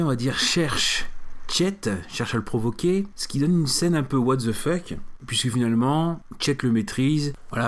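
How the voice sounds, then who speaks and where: A man giving semi-scripted commentary as a film reviewer, explanatory with casual asides. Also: medium pitch. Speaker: film reviewer narrating the show.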